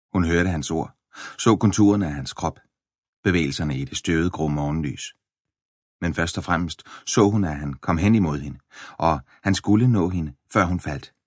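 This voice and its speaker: A man reading an audiobook in a measured, even narration. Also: deep voice, no room sound. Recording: dry close studio recording.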